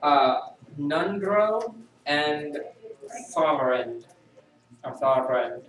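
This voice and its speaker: Halting dungeon master in an echoey room. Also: male voice, on the high side, expressive, a bit bright. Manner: halting, repeats words, fillers. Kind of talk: narrating a tabletop game. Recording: echoey room, far from the mic, faint hiss.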